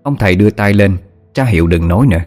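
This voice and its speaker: A man narrating a horror story in a steady, measured storytelling voice. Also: fairly low pitch, faint music behind. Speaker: audiobook narrator.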